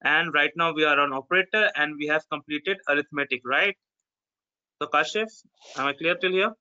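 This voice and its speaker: This is a male teacher with a North Indian accent and a sharp, fairly high voice. He explains step by step in an informal way and often checks with an okay or right. The audio is a little dull, as on an online call. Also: normal speed. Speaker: programming teacher. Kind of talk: informal step-by-step screen-share tutorial.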